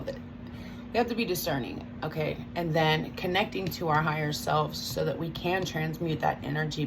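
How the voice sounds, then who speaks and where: Loud background noise fills this recording of a woman with a low voice and vocal fry. She's a tarot reader chewing gum as she rambles hesitantly and casually through a spiritual talk.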